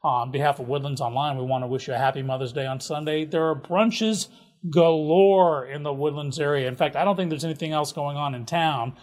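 A man's voice: fairly high pitch, brisk, a little mellow. Chatty man reading local listings. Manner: chatty, jokey, with asides. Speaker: local events host. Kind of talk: casual community calendar rundown.

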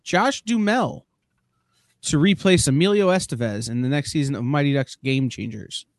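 A man's voice: on the high side, moderate pace, no room sound. Dry-voiced man hosting a casual show. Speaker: podcast host. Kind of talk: casual chat.

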